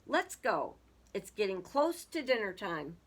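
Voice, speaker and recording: A woman's voice: medium pitch, very animated, unhurried. A woman voicing a polite, insistent, hearty male moose who calls out in a children's storybook. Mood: polite, pleased. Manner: calls out loudly, exclaims. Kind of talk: children's storybook read-aloud.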